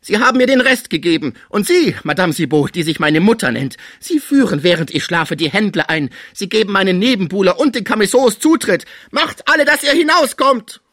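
Feverish old male collector, frantic and shrill, put on by a male reader; dry close recording. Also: lively intonation, brisk, hardly any pauses, fairly bright tone, no echo. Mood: furious. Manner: shrieking, terrified and furious.

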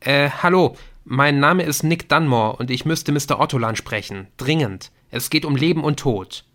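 A man's voice: mid-range voice, normal speed, a bit bright, pitched above the performer's own voice, natural voice. A man voicing an earnest teenage boy in an audiobook, speaking tensely and urgently.

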